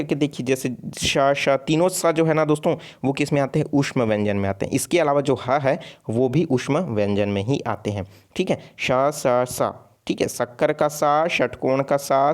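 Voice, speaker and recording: A man's voice: medium pitch, a little mellow. A man teaching an online exam-prep lesson, explaining step by step and repeating himself often. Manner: repetitive, explains step by step with frequent fillers.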